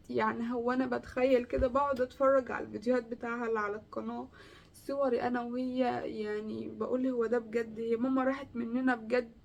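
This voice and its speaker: Young Egyptian woman vlogger, grieving and hesitant, raspy fry in the voice. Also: fairly high pitch, distant mic. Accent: Egyptian Arabic. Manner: halting, grieving, many restarts and fillers. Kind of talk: emotional personal vlog.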